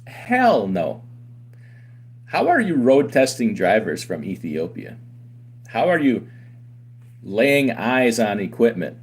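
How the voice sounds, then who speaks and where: Speaking slowly and pausing often, this man has a medium-pitched voice with big swings in pitch, and there's slight background noise. He runs a trucking company and hosts a channel, offering his audience opinionated, combative commentary to camera that leans heavily on rhetorical questions.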